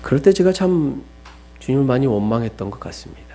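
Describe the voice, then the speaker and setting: A young adult man preaching a sermon, swinging from loud pleading questions to hushed, almost whispered lines. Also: medium pitch, big pitch swings, fast, vocal fry.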